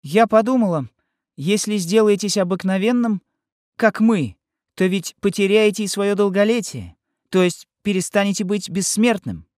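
A man's voice: high voice, normal speed, a little mellow, no room sound, studio quality, voice pushed up, close to an everyday voice. Man doing an eager young girl. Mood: earnest.

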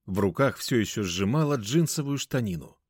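A man reading a first-person story aloud in a wry, expressive way. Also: on the low side, normal speed, slightly rough, no room sound, studio quality. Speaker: narrator. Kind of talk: first-person audiobook narration.

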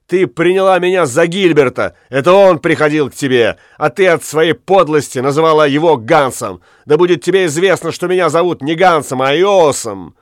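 A man's voice: on the high side, moderate pace, hardly any pauses, dry recording, clean studio sound, pitched above the performer's own voice, lightly acted. A man voicing an indignant young nobleman. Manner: indignant, shouting, scornful. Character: arrogant young nobleman on trial.

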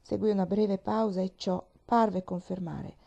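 A woman reads a classic novel aloud at a steady, measured pace. Her voice is very dark and mellow, with a gravelly grain running through it. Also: medium pitch. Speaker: audiobook reader.

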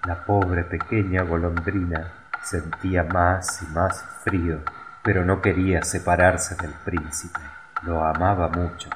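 A man reading a fairy tale aloud in a slow, measured storytelling voice. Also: deep voice, flat delivery. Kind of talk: scripted storybook narration. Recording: noisy recording with clicks.

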